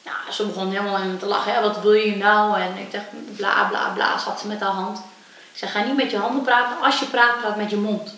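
A young adult woman, a kickboxer, tells her personal story in an interview and acts out the voices she quotes with lively energy. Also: mid-range voice, a little fast, recorded from a distance. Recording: echoey room, voice from off-mic, faint hiss.

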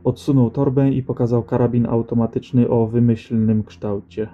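A male audiobook narrator with a dark, mellow voice and a calm, even delivery. He tells the story at a steady pace. The audio sounds slightly dull, with faint background music. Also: mid-range voice, normal speed. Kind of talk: scripted narration.

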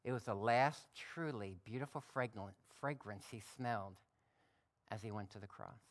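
A male pastor giving a sermon, reading scripture aloud and adding relaxed, folksy asides. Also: fairly low pitch, moderate pace. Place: church.

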